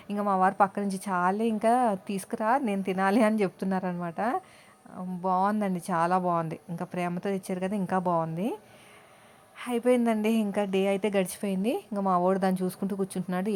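Chatty housewife vlogger, thirties, mid-pitched, talks straight to viewers. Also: female voice. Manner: talkative, addresses viewers directly. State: tired. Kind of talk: casual chatty home vlog.

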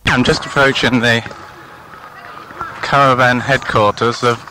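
A man's voice: medium pitch, fairly even intonation, measured pace, background noise. A man roving around a farmhouse doing casual on-site interviews for a site radio station, chatty and full of fillers. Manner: chatty, rambling with many fillers.

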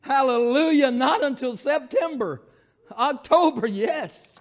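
A man with a Southern accent, a pastor preaching a sermon in church, moving between shouted scripture and quiet, folksy asides. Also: lively intonation, slow. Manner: preaching, swings from shouted proclamation to low asides. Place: church sanctuary.

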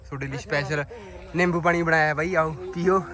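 A man's voice: on the high side, fairly even intonation, brisk, pushed and bright. A man with a Malwa Punjabi accent giving chatty, informal vlog commentary outdoors in a farm field. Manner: chatty, addresses viewers and friends informally. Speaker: vlog host.

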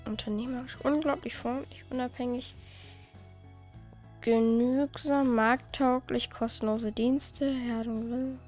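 A woman's voice: a little high, steady tone, takes it slowly, darkish tone, soft background music. A woman hosting a let's play, giving casual, chatty commentary as she plays, often exasperated and swearing lightly.

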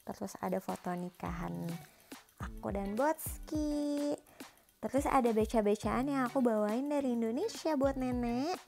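A woman's voice: fairly high pitch, a little slow, vocal fry, a little mellow, soft background music. A young woman casually narrating a house tour, describing rooms one after another. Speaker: vlogger giving a house tour.

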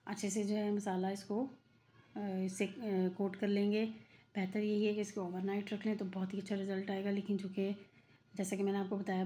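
A middle-aged woman with a warm, mid-range voice narrates her home cooking video from her kitchen. As the host of a cooking channel, she talks in a chatty, repetitive way, packed with fillers.

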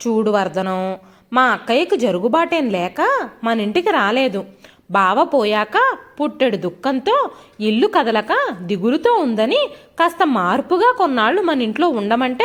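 A woman voicing a tired middle-aged husband who answers his wife with irritation and tries to reason with her. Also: sits high. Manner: irritated, placating.

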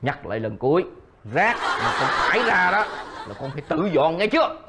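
Loud blustery father-in-law, voice leaping all over, bossing his son-in-law. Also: very animated, normal speed, heavy background noise. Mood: blustering. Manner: blustering, jumps up high when agitated. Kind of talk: sitcom acting.

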